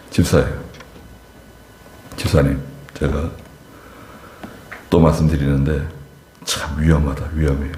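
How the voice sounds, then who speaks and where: A pastor delivering a Wednesday service sermon, telling stories with emphatic rises and quiet asides. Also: male voice, a little hiss or hum. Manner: animated storytelling, voice rising sharply for emphasis and falling low for asides. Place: church sanctuary. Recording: echoey church hall.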